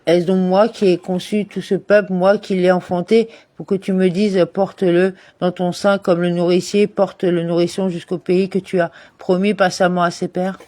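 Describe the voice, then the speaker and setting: A man with a fairly high voice reads a study text aloud in a steady lesson style. He stumbles now and then and corrects himself. The sound is dry and close, with no room around it. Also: normal speed, few pauses, dry recording. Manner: reads steadily, with occasional restarts and self-corrections. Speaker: Torah study reader. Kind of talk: reading a commentary text aloud.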